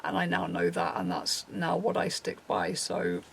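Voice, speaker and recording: A man's voice: sits high, very animated, unhurried, creaky, a bit bright, a little hiss or hum. A young man earnestly addressing his viewers in a serious apology video. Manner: earnest, reads from a prepared script. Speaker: channel host.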